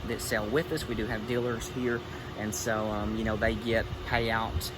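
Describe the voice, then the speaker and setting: A man giving casual, halting, rambling vlog narration as the host, recorded inside a store. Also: fairly low pitch, flat delivery. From United States. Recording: clearly noisy indoor store background hum.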